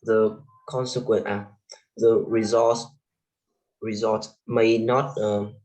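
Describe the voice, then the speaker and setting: A man's voice: on the low side, little pitch movement, slow pace, darkish tone, low-quality recording. A man from Vietnam with a Vietnamese accent answering in English practice, hesitant, with many fillers and self-corrections. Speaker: English student. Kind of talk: speaking test practice answer.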